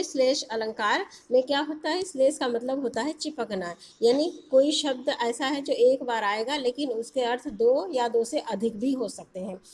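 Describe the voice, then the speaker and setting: High-voiced woman teaching a lesson. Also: a little hiss or hum. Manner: explains with questions to the class, hesitant fillers. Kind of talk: explaining a lesson.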